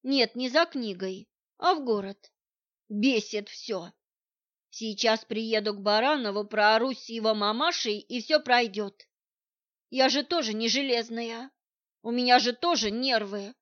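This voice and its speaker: A woman narrates a first-person novel with a wry, irritable edge. Her voice sits slightly high, and the recording sounds dull and lo-fi. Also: fairly bright tone. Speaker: audiobook narrator.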